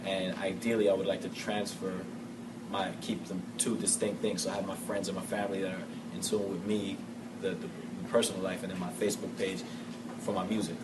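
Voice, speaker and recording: Man, 20s, musician, deep monotone, thoughtful; distant mic, loud music bed. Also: a little fast, very noisy. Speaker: musician and activist. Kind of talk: documentary interview.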